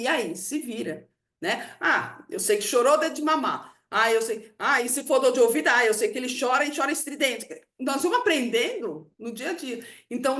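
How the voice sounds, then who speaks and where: A woman with a Brazilian Portuguese accent gives a casual, explanatory talk on emotions. She speaks conversationally and often ends points with a questioning "né". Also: fairly high pitch. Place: room at a country house. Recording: roomy echo.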